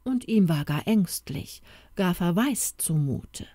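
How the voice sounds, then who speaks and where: A woman narrating a storybook audiobook in a soft, expressive, unhurried manner, recorded close to the mic. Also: lowish voice, no room sound.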